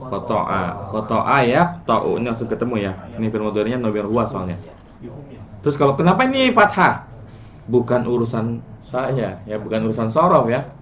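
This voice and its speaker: Chatty male teacher, dull lo-fi recording. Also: medium pitch. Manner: relaxed, chatty, quizzes students, chants word patterns. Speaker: Arabic morphology teacher. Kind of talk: casual classroom lesson.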